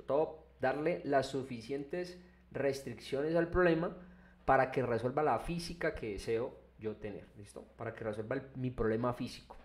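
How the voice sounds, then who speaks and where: A man, walking viewers through an engineering program in a casual screen-recorded lesson, with frequent restarts and checks of "¿listo?". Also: mid-range voice. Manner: conversational, repeats "¿listo?" and restarts often. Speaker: engineering instructor. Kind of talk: screen-recorded software tutorial.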